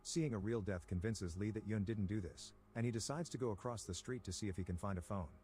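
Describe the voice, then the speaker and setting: Fast-talking man narrating a plot recap. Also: fairly low pitch, faint music behind. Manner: brisk, even, steady storytelling.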